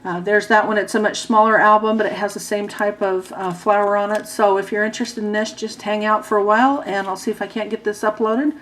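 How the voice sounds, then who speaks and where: Female craft instructor, casual walkthrough style, hoarse and dry-mouthed, mid-pitched, talking through a stiff, sore jaw. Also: fairly even intonation, a little fast, hardly any pauses, a bit bright, rough recording. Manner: stiff-jawed speech, as with a sore, wired jaw. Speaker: craft class instructor presenting a tutorial.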